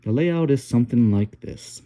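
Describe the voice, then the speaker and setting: A man's voice: mid-range voice, lively intonation, mellow, voice pushed up, close to an everyday voice. A man voicing a kidnapped diplomat who explains things carefully and in a guarded way. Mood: careful explaining. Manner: cautious, measured.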